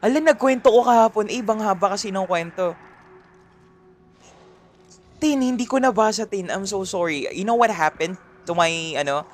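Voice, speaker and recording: A man's voice: high-pitched, expressive, moderate pace, long pauses. A man with a Filipino accent doing livestream gameplay commentary, greeting chat viewers by name and mixing Tagalog and English. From Philippines. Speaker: streamer.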